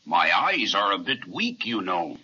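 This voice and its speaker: An actor playing a huge, kindly giant in the folksy, reassuring style of an old children's radio serial. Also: male voice, lowish voice, very animated, a little slow, bright, forceful tone, slightly rough, exaggerated voice. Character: huge, gentle, kindly, weak-eyed giant. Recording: dull, band-limited vintage radio recording.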